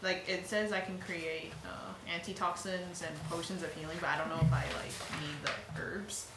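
A woman's voice: lowish voice, level tone, moderate pace, loud music behind the voice. A woman playing a tabletop game, asking casual chatty questions. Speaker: player. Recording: echoey room, clear background noise.

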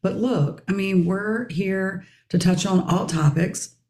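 A middle-aged woman hosting a casual podcast discussion, her raspy voice hoarse as she keeps clearing her throat. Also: mid-range voice, takes it slowly, dark tone, reverberant. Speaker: podcast host.

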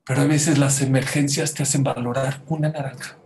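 A man preaching a sermon to a congregation, dramatic, dropping to a hush and then rising loud as he acts out the people in his stories. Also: mid-range voice, fairly even intonation, brisk. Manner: dramatic, swings from hushed to loud, acts out quotes.

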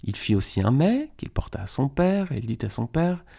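A man reading a Bible chapter aloud in a steady, measured way. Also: medium pitch, vocal fry, breathy edge. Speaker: Bible reader.

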